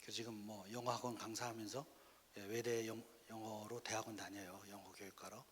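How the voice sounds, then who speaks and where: A man's voice: on the low side, fairly quick, slight background noise. A middle-aged male pastor lecturing parents in a church hall, telling stories and appealing directly to his listeners. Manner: lively storytelling with direct appeals to the audience.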